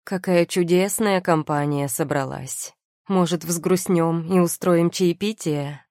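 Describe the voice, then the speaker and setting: A woman's voice: fairly low pitch, slow pace, a little mellow, no room sound, studio quality. A woman reading an audiobook voices a scheming husband, drawling and ingratiating. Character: scheming husband, smooth and cold.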